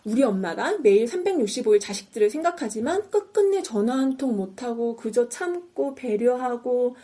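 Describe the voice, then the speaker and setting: A frustrated young woman novelist lays down the law to her elders, as a podcast host puts her on. She speaks slowly and firmly, and her voice sits a little high. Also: lively intonation, dark tone. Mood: insistent.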